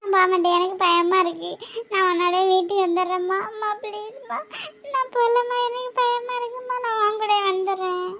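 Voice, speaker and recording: A woman's voice: very high voice, steady tone, brisk, a crowd in the background. A woman voicing a small frightened boy who cries and pleads with his mother. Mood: pleading tearful. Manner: whiny, pleading. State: crying.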